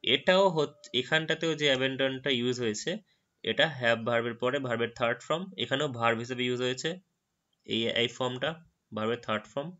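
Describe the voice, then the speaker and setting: Bright-voiced man teaching English words. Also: medium pitch, dull audio. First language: Bengali. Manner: explains patiently, repeats words slowly after a dictionary audio. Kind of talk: screen-recorded tutorial narration.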